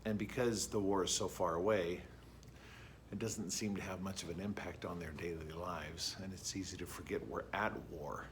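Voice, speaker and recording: A middle-aged man with a very low voice talks to his camera in a casual, thoughtful vlog, musing aloud between errands. A faint hiss of noise sits under the recording. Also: fairly even intonation, normal speed. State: a little out of breath. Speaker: band director vlogger.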